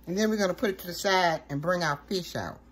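A woman hosting a cooking show, walking through a recipe step by step in a relaxed, chatty way. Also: fairly low pitch, fast talker, low-quality recording. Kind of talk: casual cooking demonstration.

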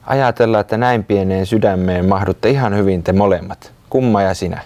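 A man's voice: low voice, a little mellow. A man voicing Molli, a small worried creature who sighs and speaks earnestly. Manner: sighing, hesitant, earnest.

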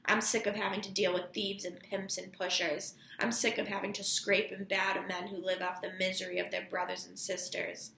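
A woman's voice: medium pitch, flat delivery, moderate pace, gravelly, hardly any pauses, sharp tone, roomy sound, slight background noise. A woman reading aloud the lines of a principled father who speaks his mind fervently. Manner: fervent, outspoken. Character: passionate, principled grown man, a father.

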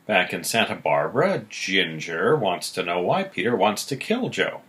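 A man co-hosting a podcast, casually recapping episodes with relaxed pauses. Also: sits low. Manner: relaxed, recounting plot with pauses. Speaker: podcast co-host.

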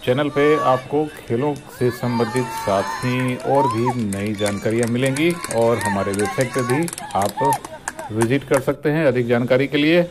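A man presenting a channel and reading a formal sports news report from an outdoor football ground. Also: medium pitch. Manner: formal newsreader delivery. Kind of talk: read match report.

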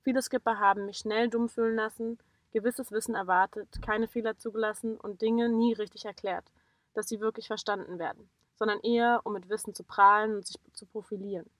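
A woman's voice: medium pitch, fairly even intonation, a little fast, a bit bright, no room sound. Outspoken young woman narrating a sailing vlog. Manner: frank, outspoken, critical. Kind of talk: scripted voice-over narration.

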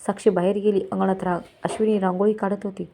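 Woman storyteller, even delivery, soft warm tone. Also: mid-range voice, fast talker, slight background noise. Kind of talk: scripted story narration.

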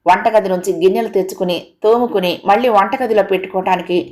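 A woman's voice: medium pitch, quick pace, a little mellow, lightly acted. A woman voicing a talkative middle-aged housewife in an audio story, rambling on in a complaining, chatty way.

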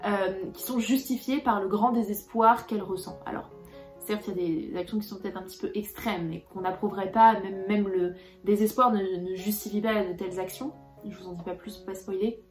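A woman's voice: mid-range voice, steady tone, brisk, reverberant, soft background music. A young woman talking casually about books she read, hesitating often with fillers and restarts. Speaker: book vlogger. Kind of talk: casual book review.

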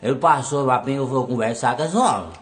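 A man's voice: medium pitch, fast. A male comedian with a drawling, folksy delivery who tells comic stories and breaks into song. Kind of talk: comic storytelling and sung parody.

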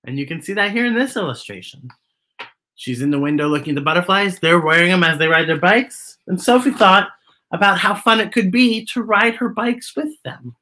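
A middle-aged man indoors in a living room performs a children's read-aloud, hamming up his phrases and chatting directly with the young listeners. His voice is high, bright, forward and expressive, swinging widely up and down at a normal pace.

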